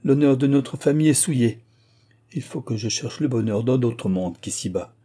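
A man reads an aging country vicar, torn by grief and given to impassioned declaiming. The voice is very dark and mellow, with a husky edge. It fits a classic storybook reading. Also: medium pitch, animated, moderate pace, lightly acted. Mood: grieving.

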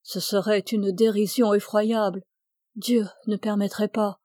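Woman reads dying young man, anguished and pleading, slow and warm, dry close sound. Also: medium pitch, level tone, dry recording, lightly acted. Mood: despairing. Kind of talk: audiobook reading.

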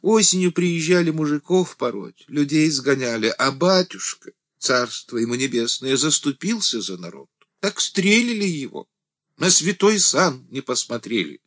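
A man's voice: animated, moderate pace, fairly bright tone. Man putting on a small frail fretful church deacon. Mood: agitated. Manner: high, pleading and fretful, rising to near cries. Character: small frail timid old male church deacon, pleading.

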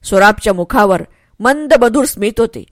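A woman narrating an audiobook story in a dramatic, expressive way. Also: mid-range voice, normal speed, no room sound.

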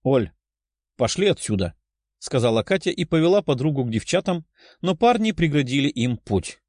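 A man narrating a fantasy story in an expressive way. His voice sits fairly high and his pitch moves a lot. The recording is dry and close. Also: a little fast, no echo. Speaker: audiobook reader.

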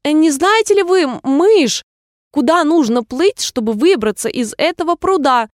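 A woman's voice: high voice, lively intonation, normal speed, no echo, clean studio sound, pitched above the performer's own voice. A woman voicing a polite, curious little girl who chatters earnestly and apologizes often.

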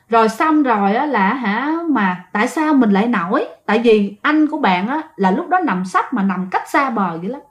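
A woman telling ghost stories in a chatty way, often speaking directly to her listeners. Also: on the high side. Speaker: ghost story narrator. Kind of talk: chatty ghost story storytelling. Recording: dull lo-fi recording.

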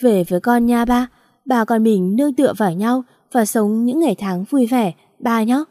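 A woman's voice: on the high side, moderate pace, dark tone, dry recording, clean studio sound, natural voice. A woman voicing a loving young adopted daughter who pleads tearfully with her father. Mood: pleading, tearful.

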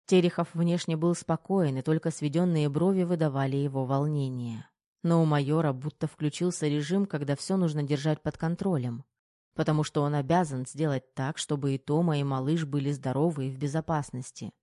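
Mellow audiobook narrator, even steady reading, dry close sound. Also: medium pitch, a little fast, no echo. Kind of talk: scripted narration.

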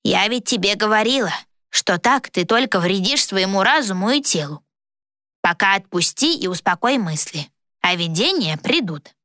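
A woman voicing a calm, wise old grandmother who speaks slowly and soothingly. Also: medium pitch, no echo, clean studio sound. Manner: slow, soothing, unhurried.

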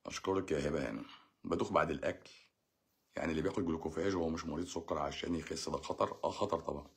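A man's voice: rumbling low, racing, gravelly. A middle-aged man with an Egyptian accent, a doctor hosting a live-stream Q&A. He talks in a blunt, sarcastic way and mocks the comments he reads. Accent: Egyptian Arabic.

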